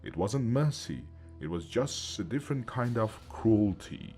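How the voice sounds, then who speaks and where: A man reading a first-person horror story aloud in a steady, measured way. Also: lowish voice, faint music behind.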